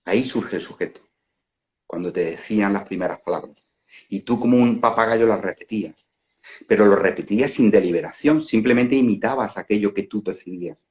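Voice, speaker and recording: Un hombre con acento de España que da una charla espiritual reflexiva con calma, pensando en voz alta y riéndose de sus propios ejemplos, grabado con un teléfono en una transmisión en directo. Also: male voice, lowish voice. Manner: unhurried, musing, laughs at own examples. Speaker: non-duality facilitator. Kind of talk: reflective spiritual talk. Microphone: phone on a live stream.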